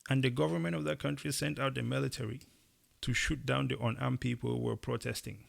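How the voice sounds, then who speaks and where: A young man from Cameroon with a gravelly, creaky edge to his voice and a mid-range pitch. He co-hosts a casual opinion chat and talks with emphasis, rising into animated bursts when he presses a point. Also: fast. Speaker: podcast co-host.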